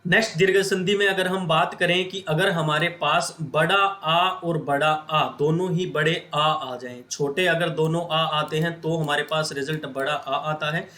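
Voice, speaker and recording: In a fairly high, pushed, bright voice, a Hindi-accented man gives a grammar lesson. He addresses viewers as friends and explains through repetitive questions he then answers himself.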